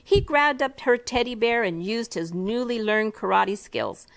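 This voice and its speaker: A woman author reading her picture book aloud to a first grade class in a classroom, with an expressive, animated delivery. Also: on the high side, measured pace, gravelly. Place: elementary school classroom.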